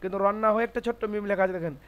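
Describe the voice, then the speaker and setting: A man teaching Quran reading in a classroom lesson, explaining slowly, repeating rules and asking his class checking questions. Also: sits high, steady tone, clear, resonant tone, muffled recording. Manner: spells out Arabic letters syllable by syllable.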